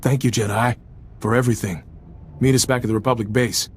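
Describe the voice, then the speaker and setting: An actor playing a confident, wry military officer in a video game. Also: male voice, medium pitch, fairly even intonation, fairly quick, a little hiss or hum, close to an everyday voice. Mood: wry, satisfied.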